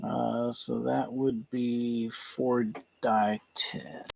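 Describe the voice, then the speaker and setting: A man running a tabletop game as game master, thinking aloud in an unhurried way with pauses. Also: mid-range voice, flat delivery, vocal fry, no room sound.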